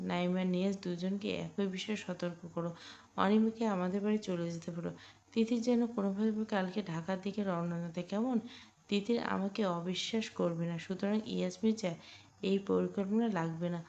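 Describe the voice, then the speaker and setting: A stern, curt young boss who speaks in a dry, authoritative way, as a woman narrator voices him. The voice is gravelly, and the audio story recording sounds dull and lo-fi. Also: medium pitch, steady tone, moderate pace, a little mellow, natural voice. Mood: commanding.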